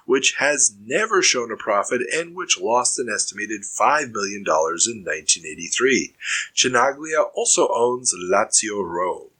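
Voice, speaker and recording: A man hosting a podcast, reading news items aloud and then chatting about them in a relaxed way. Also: medium pitch, husky, poor audio. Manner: reads headlines, then riffs conversationally. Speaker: podcast host.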